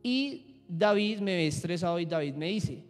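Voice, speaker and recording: A man's voice: high voice, animated, normal speed. Young man teaching a church group. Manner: asks the group questions, acts out examples. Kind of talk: interactive Bible lesson. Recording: echoey hall with faint music.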